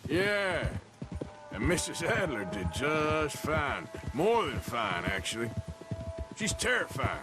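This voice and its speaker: This game cutscene has music under a very animated, slow-paced performance. A man with a slightly high voice and a Western drawl plays a cautious outlaw with dry humor.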